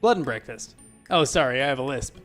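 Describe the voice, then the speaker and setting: A man doing a sinister, grinning game innkeeper, lisping, odd word stress, higher voice. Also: animated, unhurried, faint music behind. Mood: creepy polite. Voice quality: claims a lisp, stresses words oddly. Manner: overly polite, sinister. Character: creepy grinning male innkeeper, suspiciously cheerful.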